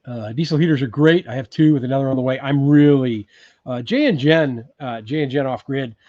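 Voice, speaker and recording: A man's voice: medium pitch, fairly quick, no room sound, lo-fi sound. A man in his sixties from California, hosting a casual livestream from his off-grid cabin, chatting loosely with many ums and restarts. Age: 60s. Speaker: livestream host. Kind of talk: casual live chat reading viewer comments.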